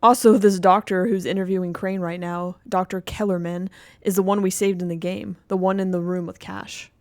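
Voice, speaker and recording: A woman's voice: on the low side, fairly even intonation, moderate pace, no echo. A woman giving casual, enthusiastic fan commentary as a video host reacting to game audio.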